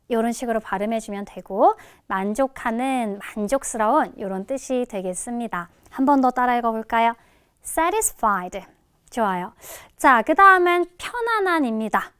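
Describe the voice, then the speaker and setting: A woman teaching English listening in a recorded lecture, addressing students casually and modelling each word's pronunciation slowly. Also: a little high, fairly bright tone, smooth, no room sound, studio quality.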